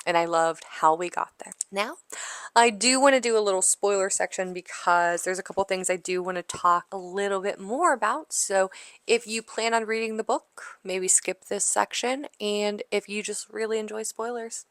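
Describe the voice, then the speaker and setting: A woman's voice: medium pitch, normal speed, a bit bright, no room sound. A woman giving a casual book review on her vlog, gushing and enthusiastic. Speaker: book vlogger.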